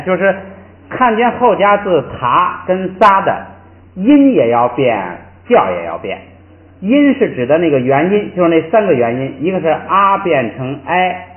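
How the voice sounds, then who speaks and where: Patient male teacher, tinny phone-like sound. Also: on the high side. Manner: patient, repeats each syllable slowly for drilling. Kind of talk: spoken pronunciation lesson.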